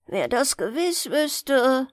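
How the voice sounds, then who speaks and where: A woman's voice: sits high, very animated, slow, dry recording, studio quality, heavily acted. A woman reading a sad, dying little male beetle who was once a star, in a lamenting, pleading tone. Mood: mournful.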